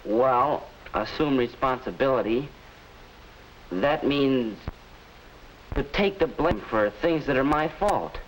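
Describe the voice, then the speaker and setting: A man's voice: mid-range voice, lively intonation, slow pace, long pauses. Earnest young male student, 1950s film. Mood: questioning. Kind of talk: 1950s educational film acting. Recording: crackly old 1950s film soundtrack.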